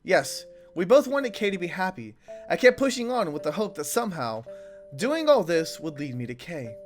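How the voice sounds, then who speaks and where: A hoarse man reading a game's sincere, reflective storybook figure aloud. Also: high-pitched, very animated, normal speed, soft background music. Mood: earnest. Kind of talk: reading game dialogue aloud.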